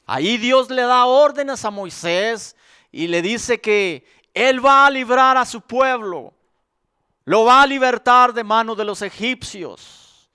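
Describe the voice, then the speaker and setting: High-voiced, slow-preaching male pastor. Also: lively intonation, pushed and bright, clean tone, dry recording, clean studio sound. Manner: slow, emphatic preaching with repeated phrases. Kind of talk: sermon.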